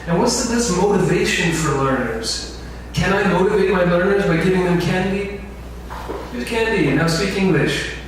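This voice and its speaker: An animated instructor with a high-pitched voice delivers an info session lecture at a moderate pace, often quizzing the class. The audio, recorded with a distant mic in a large lecture room, is very echoey with faint noise underneath.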